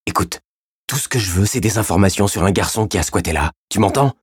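A man's voice: deep voice, quick pace, husky, no room sound, studio quality. A man voicing a tough male gendarme who presses a suspect for answers in a raised voice. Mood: pressing.

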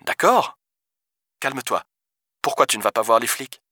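A man voicing a hurried male police deputy who talks in a rushed, hesitant way. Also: medium pitch, very animated, pushed and bright, no room sound, studio quality, pitched above the performer's own voice.

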